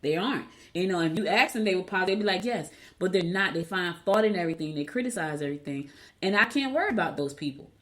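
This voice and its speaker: Lower-voiced woman podcaster talking with braces. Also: animated, quick pace, a bit bright. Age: middle-aged. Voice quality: slightly slurred speech from braces. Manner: talks with braces, stumbling over words at times; candid, encouraging, repeats phrases for emphasis. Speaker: podcast host. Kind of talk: motivational solo podcast talk.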